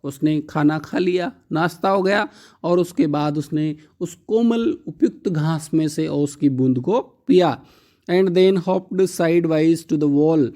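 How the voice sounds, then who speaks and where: A man teaching a poetry lesson, his voice sitting a little high. He reads each line at a very unhurried pace. Then he breaks it down in a plain, patient teaching tone. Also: dark tone. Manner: reads lines slowly, then explains them in a plain teaching tone.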